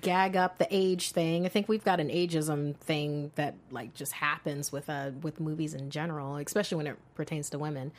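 Animated woman chatting about movies. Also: low voice, moderate pace, hardly any pauses. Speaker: film discussion co-host reading viewer chat. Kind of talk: casual movie review chat.

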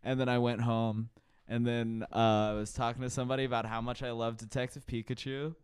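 A man's voice: medium pitch, little pitch movement, brisk, clean tone, no room sound, studio quality. A man co-hosting a comedy podcast, chatting casually with emphatic, profane joking.

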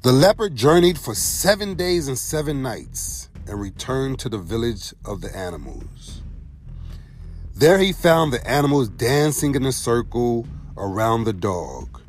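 A man narrating a folk tale, telling it in an expressive storybook style. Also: medium pitch, measured pace, a little hiss or hum.

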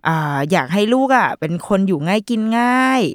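A woman hosting a parenting podcast in a chatty, playful way, full of fillers and quick asides. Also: medium pitch, animated, no room sound, studio quality. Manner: chatty and playful, with lots of fillers and mock quoted voices. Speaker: podcast host. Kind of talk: casual parenting chat.

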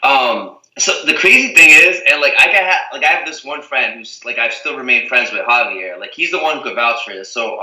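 A young man from the Azores, Portugal, appears as a reality TV guest in a casual interview chat, rambling with plenty of "like" and "you know what I mean". His mid-range voice sounds pushed and bright. The audio is poor, with an echoey room and a distant mic.

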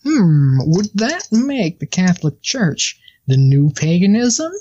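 Husky mellow-voiced podcast guy, keeps asking leading questions, kinda dull lo-fi audio. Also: high voice, sing-song, slow pace. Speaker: podcast co-host. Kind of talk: casual chat.

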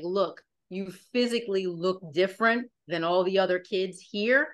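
A woman's voice: lowish voice, fairly bright tone. A woman from Pennsylvania, a journalist speaking as a podcast guest, confident and upbeat as she talks about herself. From Pennsylvania, USA. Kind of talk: casual podcast interview.

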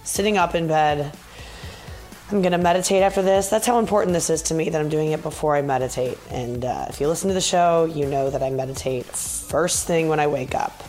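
Female podcast host, low register, vocal fry, weary, candid and self-deprecating, casual rambling delivery. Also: fairly quick, darkish tone, faint music behind. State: tired from travel and talking. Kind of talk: casual solo podcast monologue. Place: bedroom in a condo, sitting in bed.

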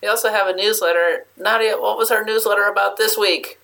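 A woman hosts a podcast with a bright, forward voice at a medium pitch. She talks informally, like chatting with a regular co-host. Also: steady tone, fairly quick, gravelly. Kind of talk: casual podcast banter.

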